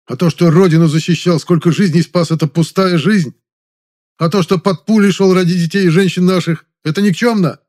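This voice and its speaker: A man's voice: a little high, animated, a little fast, pitched above the performer's own voice. A man voicing a furious young commander. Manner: loud, scolding, shouting outbursts. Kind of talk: audiobook reading.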